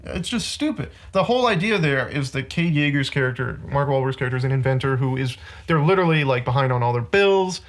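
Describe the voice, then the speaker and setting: A man's voice: medium pitch, lively intonation, quick pace, few pauses. A man hosting a podcast, ranting through a film critique in casual chat with lots of "like". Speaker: podcast host.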